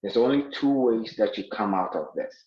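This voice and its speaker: A man's voice: on the low side, normal speed. A man, a health care worker telling of his own illness in earnest, with many fillers and restarts. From Ghana. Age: 40s. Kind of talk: interview, personal account. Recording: roomy, dull sounding line.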